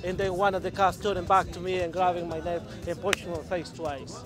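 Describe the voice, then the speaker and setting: A man recounting an incident in halting, broken English, stumbling and repeating himself outdoors. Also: high-pitched, little pitch movement, over music. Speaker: interviewee. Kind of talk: street interview.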